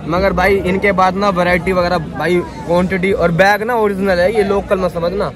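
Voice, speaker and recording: A young man with a high voice vlogs casually from a crowded outdoor street market, phone held at arm's length, crowd noise around him. Excited and chatty at a moderate pace, he keeps saying "bhai," and later carries on talking from his bedroom.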